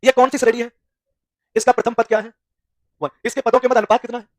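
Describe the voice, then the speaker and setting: High, fast-talking male maths teacher. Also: little pitch movement, no echo, clean studio sound. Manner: quizzing students with repeated call-and-response questions; folksy, teasing classroom humor. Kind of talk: classroom maths lesson.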